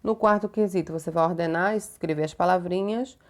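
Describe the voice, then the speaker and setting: A Brazilian woman teaching young children a homework lesson, slow, patient and didactic, stretching words out and checking in often. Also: on the low side. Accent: Brazilian Portuguese. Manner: uses many diminutives and checking tags. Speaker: primary school teacher.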